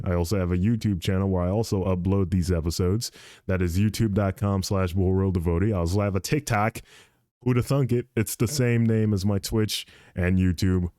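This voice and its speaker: A man's voice: sits low, warm tone, no echo, studio quality. Laid-back young man, rambling host. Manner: rambling, says "dude" and "good Lord" often. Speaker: podcast host and streamer. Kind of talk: casual solo podcast chat.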